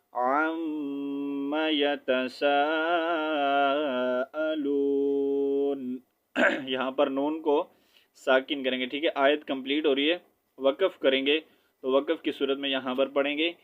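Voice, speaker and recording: A man with a Pakistani Urdu accent teaches Quran recitation online, patiently spelling out syllables and reciting slowly while often saying "theek hai." His voice is mid-range, and the recording sounds muffled.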